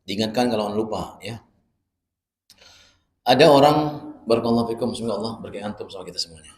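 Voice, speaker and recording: Guy preaching at dawn study, chatty and animated, mid voice, echoey prayer room. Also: fairly low pitch, quick pace. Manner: lively, swings from soft asides to loud exclamations; animated storytelling with acted-out quotes. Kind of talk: Islamic dawn study sermon.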